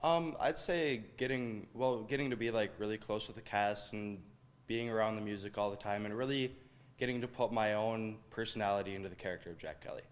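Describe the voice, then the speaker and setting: A young man with a somewhat low voice answering a reporter's questions. He talks casually, with pauses and fillers as he works out what to say. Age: teens. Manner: relaxed, hesitant, with fillers. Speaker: interviewee, student actor.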